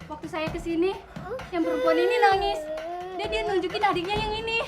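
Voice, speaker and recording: An actress playing a shocked village woman who finds a child and calls for help, in a shrill, alarmed voice. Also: brisk, loud music behind the voice.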